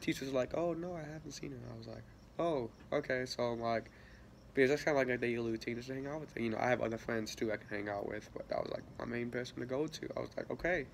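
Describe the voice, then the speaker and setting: A teenage guy vlogger rambles through a casual story, his mid-range voice fast and creaky, full of fillers, restarts and soft laughs. He sounds a little sick, and there's a slight hiss or hum in the recording.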